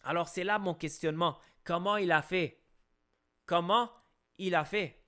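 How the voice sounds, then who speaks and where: A man with a Québécois French accent and a voice pitched a little high delivers a heated opinion monologue on a live stream. He presses his points with repeated rhetorical questions and often stops to restart his sentences. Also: measured pace, sharp tone. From Quebec, Canada.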